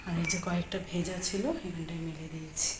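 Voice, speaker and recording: Chatty woman, lowish voice. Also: little pitch movement, fast. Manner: chatty, showing and explaining chores to viewers. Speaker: home vlogger. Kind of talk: casual home vlog walk-through. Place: her home. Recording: phone recording with noticeable background noise.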